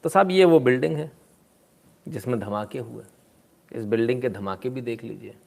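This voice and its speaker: A man giving casual, sarcastic live commentary, with mocking asides and frequent throat clearing. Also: mid-range voice, moderate pace, dark tone, a little hiss or hum. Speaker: political commentator.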